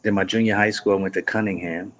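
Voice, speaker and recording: Deep flat-voiced New man. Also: quick pace, a little hiss or hum. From Brooklyn, New York. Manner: rambling, many fillers and restarts. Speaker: guest singer. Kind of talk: casual interview.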